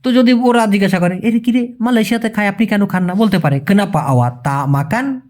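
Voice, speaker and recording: A man with a slightly raised voice runs a relaxed spoken language lesson, talking to the viewer like a brother. He explains each sentence step by step and slows almost to a crawl whenever he spells out a new phrase. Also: high-pitched. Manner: addresses the listener as brother, chatty and colloquial. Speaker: language teacher.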